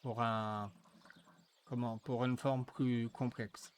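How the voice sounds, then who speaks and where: A man walking viewers through a software tutorial, thinking aloud with frequent fillers and restarts. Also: medium pitch, level tone. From France. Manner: slow, hesitant, thinking aloud with many fillers. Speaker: tutorial presenter. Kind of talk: screen-recorded software tutorial.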